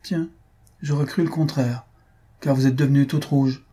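A man reading aloud, voicing an earnest, devoted young gentleman who questions tenderly. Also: medium pitch, fairly even intonation, moderate pace, husky, voice pushed up, close to an everyday voice.

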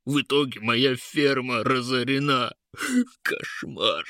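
A man voicing a burly, angry male farmer who talks gruffly and slowly, with a complaining drawl. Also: medium pitch, steady tone, sharp tone, no room sound, clean studio sound. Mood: lamenting.

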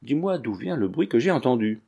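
Tyrant prince, contemptuous, forceful, man reader's voice, mellow low tone. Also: big pitch swings, fairly quick, husky. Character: wrathful tyrannical older prince.

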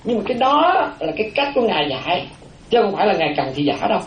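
His voice sits high and sing-song, moving very fast over lo-fi audio with slight background noise. The man is a Buddhist monk giving a dharma talk who repeats important phrases and checks in with listeners via rhetorical questions. The room echoes, with faint ambience.

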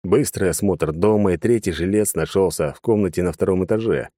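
A male audiobook narrator reading a first-person fantasy story in a dry, matter-of-fact way. His voice is low and dark. The sound is close and dead, as in a treated recording booth. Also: brisk, no echo.

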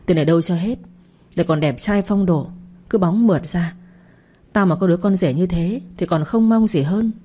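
A woman's voice: on the low side, normal speed, mellow, natural voice. A woman voicing a middle-aged aunt in a spoken story who brags and gossips. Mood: boastful. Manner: boastful, chattering.

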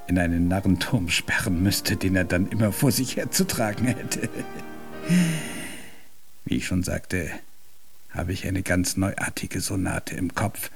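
A male actor with a low-pitched voice portrays a hard-of-hearing, irascible and haughty old composer for a German radio drama. The character speaks huskily in a pompous, ornate manner, sounding boastful and scornful.

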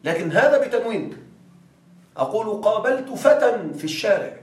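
A male teacher giving a classroom grammar lesson. He quizzes students with questions they finish, and reads example phrases slowly with stress. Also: high-pitched, lively intonation, background noise. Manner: quizzes students with fill-in-the-blank prompts. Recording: echoey room, distant mic.

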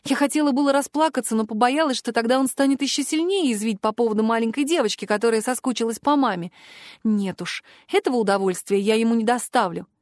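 A woman with a fairly high voice narrates a first-person fantasy audiobook, expressive and emotional. The close studio mic gives a dry sound with no room around it. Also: quick pace, no echo.

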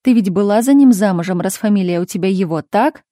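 A patient grown daughter, voiced by a woman reader presses her point calmly and firmly, at times pleading. The voice is dark and mellow, recorded dry and close. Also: mid-range voice, brisk, dry recording, natural voice. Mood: calm, insistent. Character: patient, insistent grown daughter, calm and firm.

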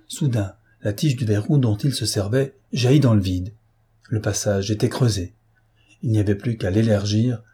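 Male audiobook reader, measured and dramatic, low mellow voice. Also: breathy edge. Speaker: audiobook narrator. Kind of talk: scripted narration.

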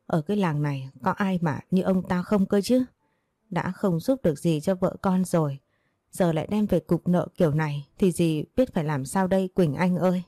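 A woman's voice: on the low side, moderate pace, warm tone, no room sound, studio quality, lightly acted. A woman voicing a poor, distraught middle-aged village wife who laments and pleads.

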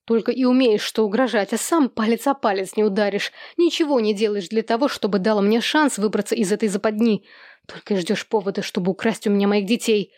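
A woman's voice: medium pitch, brisk, darkish tone, dry recording, clean studio sound, close to an everyday voice. A woman voicing a bitter, hysterical middle-aged mother who hurls accusations and threats, read as an audiobook. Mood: bitter accusing.

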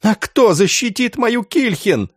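A man voicing a grief-stricken old village elder who wails and sobs in a high strained voice. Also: very animated, measured pace, husky, no echo, studio quality, exaggerated voice. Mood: sobbing. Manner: high sobbing wails, shouting.

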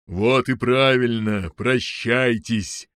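A huge, bullying giant who draws out every threat, loud and heavy, in a slow, unhurried drawl, as a male narrator voices him. The voice sits at an ordinary male pitch but has a strained, altered edge. The recording is dry and close, with no room behind it. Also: steady tone, smooth, dry recording. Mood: gloating. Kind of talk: audiobook character voice.

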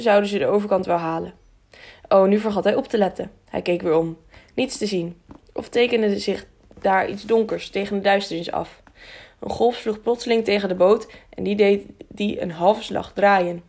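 Woman reading an audiobook, mid pitch, bit of vocal fry. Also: normal speed, a little mellow. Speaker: audiobook narrator. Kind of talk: audiobook narration.

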